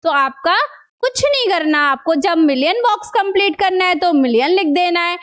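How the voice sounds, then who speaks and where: High-voiced woman teaching a math lesson. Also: animated, fairly bright tone. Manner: coaxing, repeats questions to students; slows right down on numbers.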